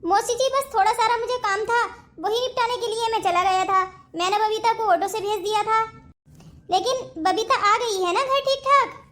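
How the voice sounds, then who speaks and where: A woman voicing a calm, easygoing young husband in a cartoon family story. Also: extremely high pitch, normal speed.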